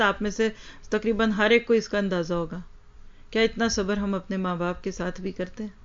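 This is a woman delivering an Islamic lecture, speaking earnestly and directly to her listeners as she teaches. Her pitch is medium, and the recording sounds slightly dull.

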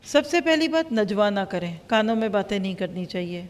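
A woman teaching a Quran lesson, lively and acting out everyday dialogues as examples. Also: mid-range voice, long reverb tail. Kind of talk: religious lecture.

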